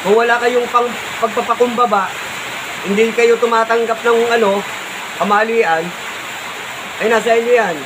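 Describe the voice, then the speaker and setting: A man with a Filipino accent answering a critic in his vlog, calm but insistent, repeating his points and tagging "diba?". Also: extremely high pitch, normal speed, pauses often, background noise. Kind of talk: spoken reply vlog.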